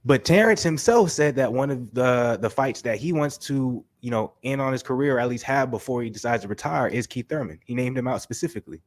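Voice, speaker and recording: The host, a man with a stuffy nose from being sick, runs a casual boxing talk show in animated, slangy bursts, leaning on "you know what I'm saying" again and again. He speaks a little fast in a mid-range voice, hardly pausing, and the audio has no echo.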